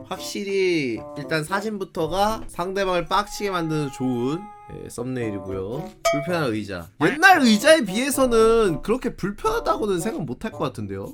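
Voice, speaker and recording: Brief: male streamer, high lively voice, exclaiming rants, music bed behind. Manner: animated, exclaiming and grumbling. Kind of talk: casual reaction commentary.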